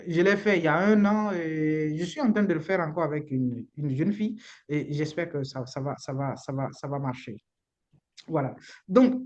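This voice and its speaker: A woman's voice: lowish voice, a little mellow, muffled recording. A woman lawyer with a Beninese accent gives informal, frank advice in a live online session, using the odd blunt slang word. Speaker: immigration lawyer.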